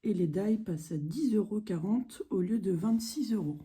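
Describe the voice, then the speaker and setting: A French woman casually walking viewers through catalogue prices, methodical and unhurried, with frequent fillers. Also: medium pitch, dark tone, husky. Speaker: craft product demonstrator.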